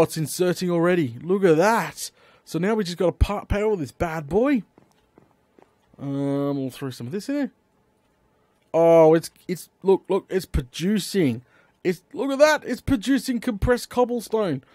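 A man giving chatty, excitable Let's Play commentary, talking to himself as he builds and bursting into eager exclamations. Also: mid-range voice, dry recording. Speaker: gaming YouTuber.

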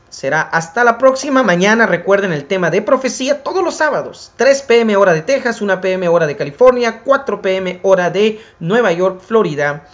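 Speaking to his listeners as brothers, a male preacher and program host preaches dramatically, moving from forceful, raised lines to hushed, drawn-out phrases and stringing together long repetitive lists. His voice is high, and the audio sounds dull.

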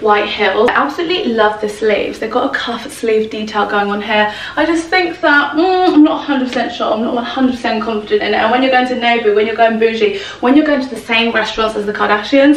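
With a voice on the high side, a young vlogger enthuses about her outfits as she sorts clothes at home, giving casual styling chat to the camera. She's far from the mic, so there's roomy echo and slight background noise.

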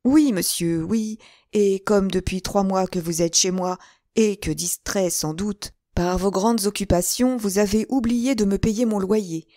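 A woman's voice: mid-range voice, a little slow, warm tone, no echo, clean studio sound, voice pushed up, natural voice. Woman voicing an anxious middle-aged landlord. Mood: fussy. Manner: anxious, hesitant and fussy. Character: nervous middle-aged male shopkeeper landlord.

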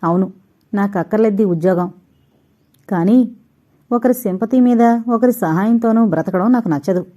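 A woman voices a stubborn young man in a storybook audio novel, proud and quick to anger. His replies are curt and clipped, and the tone stays mellow and dark. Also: mid-range voice, lightly acted. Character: proud, hot-tempered young man, ex-convict.

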